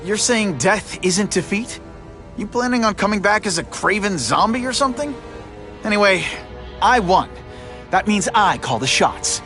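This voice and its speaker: An actor playing a young, earnest superhero in a video game, quippy and sarcastic but morally firm. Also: male voice, high voice, lively intonation, moderate pace, over music. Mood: wry, confident. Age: young adult. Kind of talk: animated video game hero acting.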